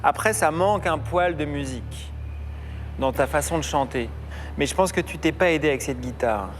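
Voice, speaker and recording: A man's voice: a little high, moderate pace, slight background noise. A man judging a talent show audition, critiquing with jokes and irreverent asides. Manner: joking, irreverent. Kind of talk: judge's critique. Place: audition room.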